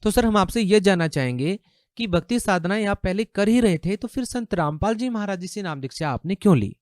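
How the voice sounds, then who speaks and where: Male interviewer, high voice, formal polite questions, dry sound. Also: lively intonation, a little fast, no echo.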